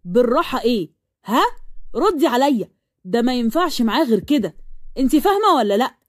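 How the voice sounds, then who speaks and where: A woman voicing a stern, angry middle-aged father who scolds and shouts, with an Egyptian accent. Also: fairly high pitch, very animated, fast talker, no room sound, clean studio sound.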